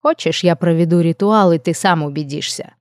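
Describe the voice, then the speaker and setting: A melancholy nymph murmurs slowly and a little low, with a teasing edge, as a woman reads her. It is a storybook reading with a warm, dry sound. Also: clear, resonant tone, dry recording, natural voice. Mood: languid. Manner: slow, murmuring.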